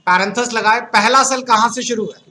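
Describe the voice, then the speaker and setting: A man's voice: very high voice, brisk, pushed and bright, slight background noise. A man from Uttar Pradesh teaching a computer class, quizzing the students and joking with them. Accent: Uttar Pradesh Hindi. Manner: asks the class questions, jokes with students. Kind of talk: classroom lecture.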